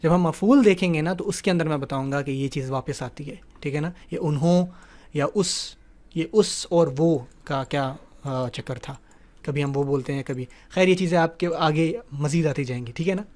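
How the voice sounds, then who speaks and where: Man teaching grammar with a higher voice. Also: darkish tone. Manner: explanatory, asks "ٹھیک ہے نا" often; mixes English words into the talk. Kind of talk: online grammar lesson.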